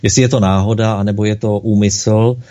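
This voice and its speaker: A man's voice: lowish voice, steady tone, dark tone. A man hosting a casual chat, talking hesitantly with many filler sounds. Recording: dull lo-fi recording.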